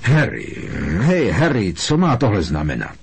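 A man's voice: lowish voice, big pitch swings, husky, exaggerated voice. A man reading an audiobook, voicing a condescending middle-aged minister who talks soothingly and patronizingly.

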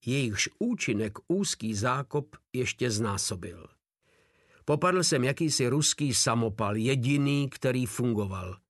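A man's voice: mid-range voice, no echo, studio quality. A man narrating a war novel in the first person with a grim, dramatic reading. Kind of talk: audiobook narration.

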